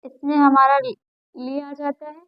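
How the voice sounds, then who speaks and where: A woman's voice: sits high, level tone, unhurried, no echo, dull audio. A woman teacher giving a lesson, patiently repeating sounds aloud for students to copy. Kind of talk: classroom lesson on Hindi phonetics.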